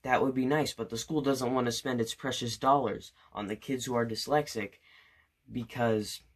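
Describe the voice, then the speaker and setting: A man's voice: medium pitch, fairly even intonation, moderate pace. Indignant young man ranting. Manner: indignant, sarcastic, many fillers and restarts. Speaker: student vlogger. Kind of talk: opinion rant to camera.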